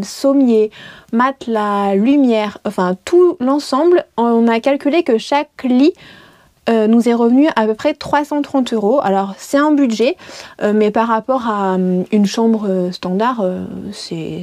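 A woman's voice: fairly high pitch, dark tone, no room sound, studio quality. A woman in her thirties hosting a casual video tour of a small wood-lined van, chatty and joking, with many hesitations. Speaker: vlog host. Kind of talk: casual show-and-tell.

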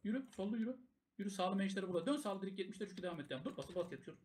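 A man calling the shots in gaming voice chat, barking rapid repeated commands and swearing freely. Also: high voice, animated, a crowd in the background. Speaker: clan war shot caller.

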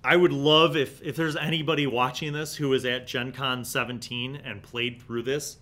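The host of a tabletop gaming review series, a middle-aged man, gives a casual review into a desk mic in a small indoor studio. He has a medium-pitched, fairly bright voice with a steady tone and moderate pace. His musings come in stop-and-start phrases, broken up by excerpts he reads aloud.

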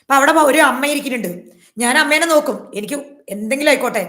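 A woman vlogger pours out a personal account to her viewers at a rapid clip, her voice sitting a little high. She is emphatic and aggrieved, circling back to repeat her points, and the room around her rings with echo. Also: sharp tone. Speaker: YouTuber. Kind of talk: personal vlog monologue to viewers. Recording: echoey room.

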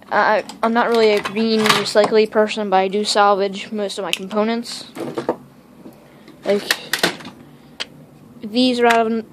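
Casual woman vlogger, rambling shop tour, handheld phone in a cluttered workshop, clear background hiss. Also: fairly high pitch. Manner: rambling, quick, self-interrupting. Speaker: electronics hobbyist vlogger. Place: cluttered home electronics workshop, indoors. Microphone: handheld phone camera.

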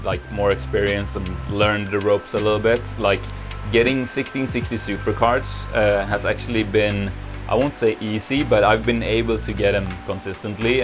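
A young man in his twenties casually talking through his home workshop setup, rambling with lots of filler words. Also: fairly low pitch. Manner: relaxed, rambling, frequent "like" fillers. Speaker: YouTuber giving a mining farm tour. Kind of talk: casual vlog walkthrough. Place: cluttered home workshop, indoors. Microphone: camera held at arm's length.

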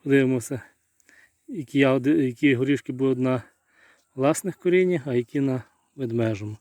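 A man with a Ukrainian accent, a nursery grower, reviewing his hazelnut bushes outdoors in an unhurried, halting way, thinking aloud, recorded on a phone camera. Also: mid-range voice, warm tone, dry recording. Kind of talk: casual walk-through plant review. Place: outdoors in a garden.

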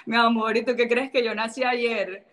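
A woman's voice: a little high, level tone, moderate pace, fairly bright tone. A woman from Cartagena speaks with a Colombian Caribbean coast accent. She is a guest in a casual interview. Her talk is blunt and sassy, and she often slips into brief imitations of other people.

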